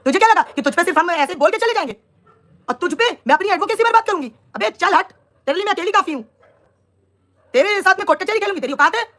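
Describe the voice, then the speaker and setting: A woman's voice: very high-pitched, lively intonation, fast talker, fairly bright tone. A young woman on a live stream, scolding and taunting a rival in an angry, combative rant.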